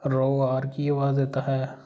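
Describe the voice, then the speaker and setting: Man, Pakistani Urdu accent, language teacher, patient and repetitive, very even pitch, dark tone. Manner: patient, repeats each sound slowly. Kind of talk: step-by-step alphabet lesson.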